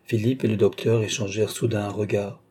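A man narrating a classic novel as an audiobook, in a measured and composed way. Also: fairly low pitch, little pitch movement, a little mellow, breathy edge.

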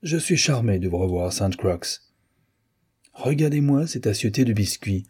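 A man's voice: lowish voice, lively intonation, moderate pace, darkish tone, husky. A man voicing a hot-tempered older navy admiral in an audiobook, blustering and scolding. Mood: jovial. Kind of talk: audiobook character reading.

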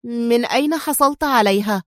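A woman voicing a fierce, defiant female spy who snaps and shouts in high-pitched fury. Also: moderate pace, dry recording, studio quality, natural voice. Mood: furious.

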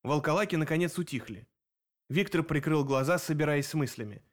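A man reading an urban fantasy audiobook in a steady, expressive narrating voice. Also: fairly high pitch, a little fast. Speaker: audiobook reader. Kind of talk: scripted narration.

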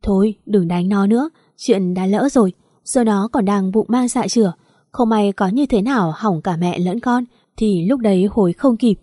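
A woman's voice: medium pitch, moderate pace, dark tone, no room sound, clean studio sound, lightly acted. Woman voicing a pleading kindly neighbor woman. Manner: urgent, pleading.

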